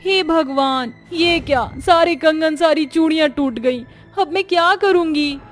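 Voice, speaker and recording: A hardworking young bangle seller in a cartoon story, as a woman narrator puts her on, earnest and kind. Her voice sits fairly high and bright. Faint music plays underneath. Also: lively intonation, moderate pace. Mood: distressed. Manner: bright, earnest, street-vendor calls.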